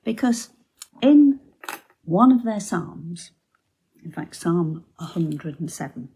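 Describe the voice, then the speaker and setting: A woman giving a Bible teaching talk for her church, telling the story in a deliberate storytelling manner. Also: lowish voice, gravelly, warm tone, breathy edge.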